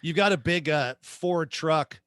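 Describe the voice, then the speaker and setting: A man's voice: on the high side, a little slow, fairly bright tone, no echo, studio quality. A man co-hosting a podcast, riffing wryly in casual chat and swearing freely. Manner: wry, riffing, swears, sings snatches. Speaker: podcast co-host.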